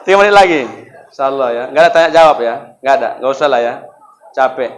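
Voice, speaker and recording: A man preaching at a mosque gathering, telling stories lively and asking the congregation rhetorical questions. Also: medium pitch, fast talker, slight background noise, poor audio. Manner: acts out quoted dialogue in shifting voices. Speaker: Islamic preacher. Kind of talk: sermon at a mosque fast-breaking gathering.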